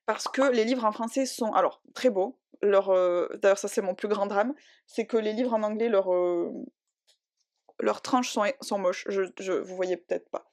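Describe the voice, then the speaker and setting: A woman's voice: mid-range voice, unhurried. A young woman chatting casually about books she loved, rambling with lots of fillers and restarts. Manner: rambling, animated, many fillers and self-corrections, laughs often. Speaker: book vlogger. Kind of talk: casual chatty book review.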